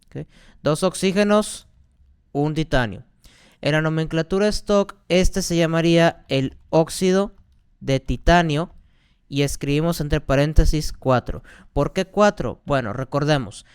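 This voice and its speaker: A man's voice: fairly high pitch, smooth. Male teacher, patient step-by-step explainer, very clean resonant voice. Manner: patient, repeats key points, asks rhetorical questions. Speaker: chemistry teacher.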